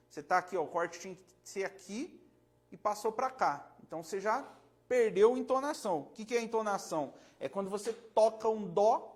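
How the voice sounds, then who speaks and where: A Brazilian luthier with a high-pitched voice and Brazilian Portuguese accent casually explains frets, rambling in a relaxed way and correcting himself. He demonstrates with his hands and often checks that the viewer is following.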